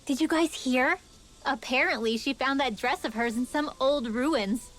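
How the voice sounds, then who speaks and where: A prim, aloof young heroine in a game, crisp and a touch scolding. Her voice sits high. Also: measured pace, fairly bright tone. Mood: composed. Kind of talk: game character dialogue.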